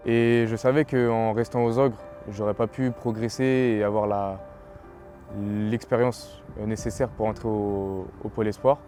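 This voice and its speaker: Faint music runs under this interview with a young athlete, twenty years old and from French Guiana, who relaxedly recounts his path in sport using plain words and fillers. His voice is lowish, his pace measured.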